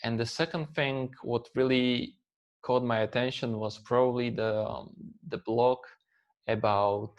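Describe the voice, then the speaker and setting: Speaking English with frequent fillers and restarts, a thirtysomething man from Slovakia takes part as a guest in a conversational interview. He has a medium pitch and a steady tone, heard through dull audio.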